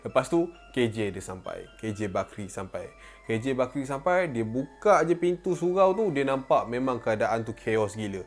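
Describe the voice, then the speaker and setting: A man's voice: mid-range voice, expressive, normal speed, faint music behind. Chatty man telling a ghost story. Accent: Malaysian Malay. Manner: chatty, repeats phrases, mixes in English words. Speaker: storyteller, channel host.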